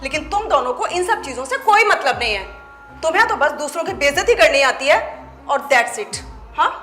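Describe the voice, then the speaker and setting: Woman as a stern woman boss, high bright voice, echoey room. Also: sing-song, brisk, exaggerated voice. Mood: indignant. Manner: firm, scolding, reproachful. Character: principled woman boss defending her husband. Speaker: office boss and wife. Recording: echoey room with faint music.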